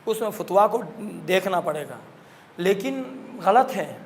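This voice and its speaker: A man's voice: high-pitched, lively intonation, a little hiss or hum. A man teaching a classroom lesson on Quran recitation, explaining patiently and repeating his points.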